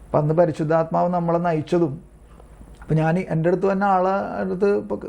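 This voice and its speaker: Over a video call, a man serving as a lay preacher leads an online prayer group, reading religious texts aloud and explaining them informally and repetitively while often asking if listeners understand. His voice is high, level and gravelly at normal speed, and the recording is muffled.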